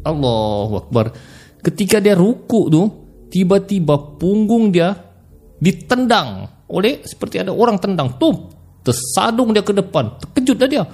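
A man telling a ghost story in a casual, conversational way, swinging between loud exclamations and hushed asides. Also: sits high, breathy edge.

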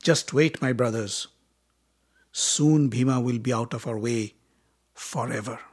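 A man's voice: medium pitch, a little slow, darkish tone, slightly rough. A man voicing a young prince who schemes against his cousin while putting on false friendliness. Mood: sinister, hushed. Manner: sly and coaxing.

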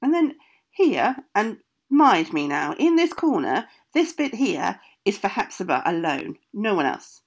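A woman's voice: mid-range voice, sing-song, measured pace. A woman doing a bossy old country baker woman. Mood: insistent. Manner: bossy, emphatic instructions.

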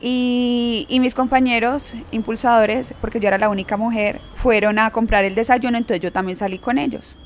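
A woman's voice: on the high side, fairly even intonation, moderate pace, hardly any pauses, a little hiss or hum. A young woman telling a personal story frankly, laughing often as an interview guest. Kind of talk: candid storytelling in conversation.

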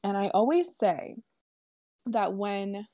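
A woman's voice: mid-range voice, slow pace, no echo. Chatty young woman, dry close sound. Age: 20s. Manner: chatty, filler-heavy, lots of "like" and "um"; expressive, swears freely. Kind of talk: casual storytelling vlog.

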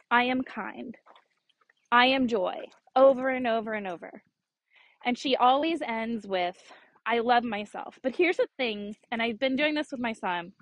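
A woman's voice: fairly high pitch, no room sound, poor audio. A woman in her thirties hosting a solo podcast in a chatty, earnest and encouraging way, with small laughs. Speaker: podcast host. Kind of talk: casual solo podcast talk.

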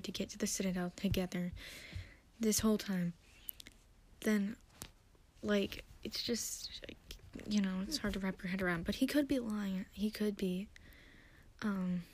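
A young woman talks through a TV episode in a hushed ASMR style, sometimes dropping into a whisper. Her pitch sits in the middle. She rambles casually, with plenty of fillers along the way. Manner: chatty, often whispering, many fillers. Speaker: TV episode recapper.

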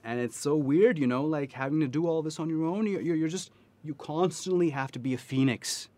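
A man's voice: a little high, fairly quick, warm tone, no echo. A man with a Pakistani accent telling personal stories candidly in conversation, emphatic and often checking in with his listener. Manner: emphatic, frequently checks with "right?". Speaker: interview guest.

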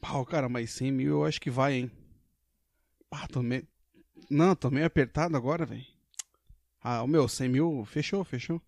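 A man's voice: mid-range voice, moderate pace, gravelly, long pauses, a little mellow, no echo, studio quality. A man chatting and joking loosely on a casual podcast. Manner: laid-back joking banter. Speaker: podcast co-host. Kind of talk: casual chat.

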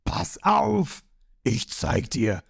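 Brief: a man putting on a blustering, boastful pirate captain, audio-manga style, sliding from high yells to low gravelly threats. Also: sing-song, extremely slow, no room sound, clean studio sound, exaggerated voice. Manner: blustering, shouting, mocking. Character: grown male pirate boss, boastful and hot-tempered.

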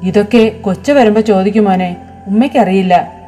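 Young mother, read by a woman, affectionate, teasing, mellow tone, faint music. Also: mid-range voice, moderate pace, close to an everyday voice. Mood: playful. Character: young widowed mother, gentle but quick-tongued.

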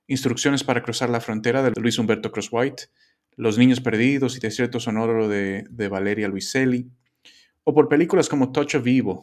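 A man hosting a podcast, reading a measured scripted introduction and asking his guest questions. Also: medium pitch. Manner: measured, reading names and titles carefully. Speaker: podcast host.

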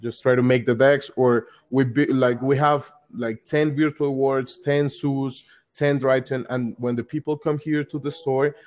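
Speaking unhurriedly in a mid-range, somewhat dark voice with fairly even intonation, a young Colombian guest chats over a call for a casual interview. He plays at a card game store and rambles loosely, repeating himself, saying "like" often and starting over.

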